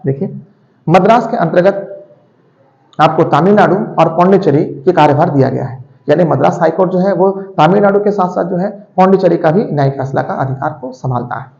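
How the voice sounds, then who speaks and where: Gravelly-voiced male teacher, fast talker. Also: high voice, darkish tone. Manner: quick, self-correcting, repeats points. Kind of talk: explaining lesson to camera. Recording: echoey room, dull lo-fi sound.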